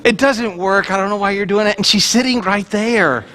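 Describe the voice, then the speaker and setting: A man's voice: high voice, normal speed, pushed and bright, slight background noise. A middle-aged man preaching a sermon, telling a self-mocking story. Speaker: pastor.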